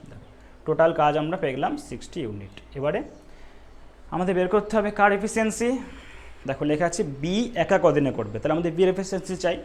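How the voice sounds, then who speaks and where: A male math teacher working through exam problems step by step, often asking the students if it is clear and telling them not to worry. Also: on the high side, expressive, quick pace. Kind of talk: exam-prep math lesson.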